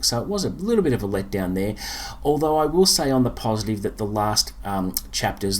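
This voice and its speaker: A relaxed man reviewing a book. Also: low voice, a little hiss or hum. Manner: relaxed, many fillers and hesitations. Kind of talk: casual spoken book review.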